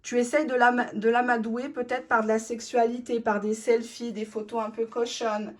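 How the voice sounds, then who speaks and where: A woman's voice: on the high side, level tone, moderate pace, a little hiss or hum. Blunt, cheeky French woman reading tarot. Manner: blunt, cheeky, talks straight to the viewer; reads the partner's thoughts aloud in first person. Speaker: tarot reader.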